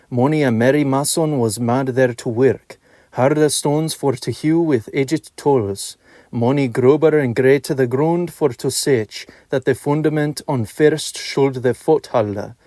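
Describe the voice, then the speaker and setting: A man reading an alliterative Middle English poem aloud in a measured, metrical way with archaic pronunciation. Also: medium pitch, a little mellow, no echo, studio quality. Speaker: reader of a medieval poem.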